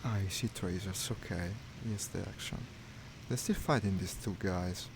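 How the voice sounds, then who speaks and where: A man's voice: low voice, moderate pace, vocal fry. A man streaming a flight simulator, giving wry running commentary as he plays, talking half to himself. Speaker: gaming streamer. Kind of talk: live commentary while playing a flight sim. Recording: noisy stream audio.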